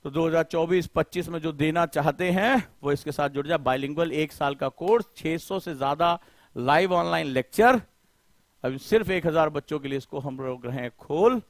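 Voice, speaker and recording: Coaching teacher guy, high voice, fired up, asks students question after question, dry close sound. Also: moderate pace, dry recording. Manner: impassioned, rhetorical questioning; colloquial, addresses students directly. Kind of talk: live online lecture.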